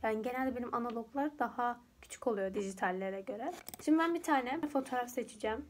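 High-voiced chatty young woman. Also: quick pace. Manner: rambling, chatty, laughs often. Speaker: YouTuber teaching photo editing. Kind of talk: casual screen-recorded tutorial chat. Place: at home.

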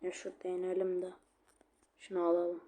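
A male gaming creator giving casual commentary over his match, chatty and quick to get annoyed when the game freezes. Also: high voice, monotone, dark tone. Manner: chatty, easily annoyed, swears at lag; repeats a sing-song catchphrase.

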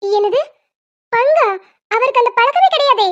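A bossy, sensible young wife, voiced by a woman in a cartoon, always scolding and lecturing. Her voice is extremely high and squeaky. The recording sounds dull and lo-fi. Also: moderate pace, no room sound. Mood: arguing. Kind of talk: cartoon voice acting.

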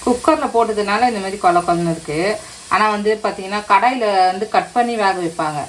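A woman's voice: medium pitch, brisk, rough recording. Chatty woman cooking in a kitchen. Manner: chatty, addresses viewers as friends. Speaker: cooking vlogger. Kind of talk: casual home cooking vlog. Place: home kitchen. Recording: kitchen sizzle and frying noise behind.

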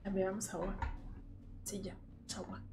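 A young woman with a Spain Spanish accent streams a game, shrieking and swearing at what happens before reading item menus aloud to herself. Her mid-range voice stays fairly flat in pitch, moves at a normal speed, and has vocal fry, with background noise in the clip.

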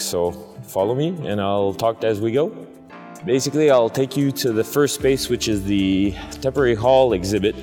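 A man in his thirties giving a walking tour of a construction site, halting with many fillers. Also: lowish voice, a little mellow. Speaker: museum facilities director giving a site tour. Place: large indoor construction site.

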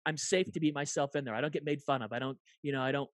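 A man's voice: on the high side, fast, dry recording. A man in his forties, a guest in an interview, telling stories animatedly and acting out dialogue. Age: 40s. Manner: animated, acts out dialogue in lively voices. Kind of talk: conversational interview storytelling.

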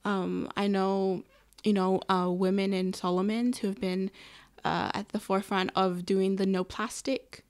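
A young woman from Samoa, a climate activist, talking earnestly as a podcast guest in a small home studio with a boom mic. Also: level tone, measured pace. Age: young adult. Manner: earnest, storytelling, frequent ums. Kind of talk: casual podcast interview. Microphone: studio mic on boom arm, headphones.

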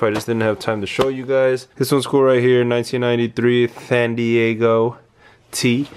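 Laid-back young man vlogging. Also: medium pitch. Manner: laid-back slangy chatter. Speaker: thrift vlogger. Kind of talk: casual vlog.

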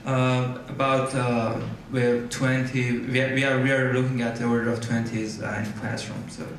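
A man's voice: mid-range voice, little pitch movement, normal speed. A man in the audience asking a hesitant question from the floor of a lecture hall. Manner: hesitant, many fillers. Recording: echoey hall, far from the mic, noisy.

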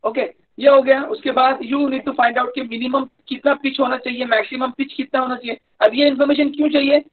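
North indian guy teaching engineering online, talks quick, repeats himself, thin phone-like sound. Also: very high voice, little pitch movement, a little hiss or hum. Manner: hesitant, repetitive, explanatory. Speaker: engineering lecturer. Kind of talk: live online lecture. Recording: dull lo-fi online-class audio.

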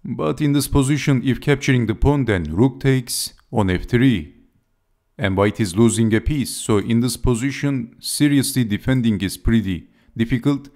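A man's voice: mid-range voice, moderate pace, darkish tone. A man giving scripted chess game commentary as narrator, speaking in short, clipped move-by-move phrases.

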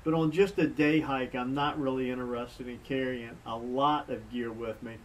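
A middle-aged man hosting a bushcraft vlog, talking in a relaxed, folksy, plain-spoken way while sitting outdoors on a front porch. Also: medium pitch, moderate pace, slight background noise. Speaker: bushcraft channel host. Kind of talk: casual sit-down vlog chat. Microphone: camera mic from a few feet away. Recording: distant mic, faint outdoor ambience.

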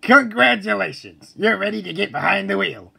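A stern cartoon drill sergeant of a driving teacher. His voice is high for a man, creaky and rough. He barks orders with military bluster, his pitch jumping about. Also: lively intonation, normal speed, pushed and bright, exaggerated voice, poor audio. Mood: approving. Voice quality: gravelly, husky. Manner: barking, commanding, military. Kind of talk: cartoon voice acting.

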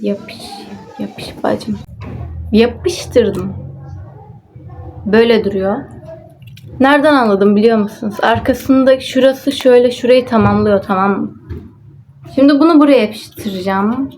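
A woman's voice: fairly high pitch, measured pace, long pauses, darkish tone, slight background noise, rough recording. A woman vlogging at home, talking to herself as she works on a papercraft project, muttering and sighing in exasperation. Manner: muttering and self-talk, exasperated sighs. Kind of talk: casual talking to herself while crafting.

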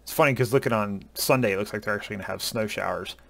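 A man, chatting casually to camera through a headset at home, relaxed and rambling with many uhs and ums. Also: fairly low pitch, racing, gravelly. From Southern US. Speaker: ski vlogger. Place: home room at a desk.

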